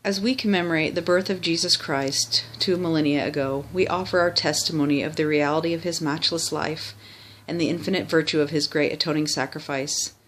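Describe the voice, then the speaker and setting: A medium-pitched voice recites a religious text by rote. The delivery is that of formal memorized recitation. Now and then a word slips and gets corrected. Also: steady tone, brisk, hardly any pauses, fairly bright tone, slight background noise. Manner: formal recitation with small stumbles and self-corrections.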